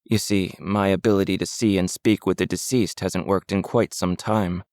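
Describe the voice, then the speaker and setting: A man reading the lines of an aloof, wealthy woman medium in an audiobook, in a measured, cool and slightly haughty way. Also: low-pitched, fairly even intonation, a little mellow, dry recording, clean studio sound.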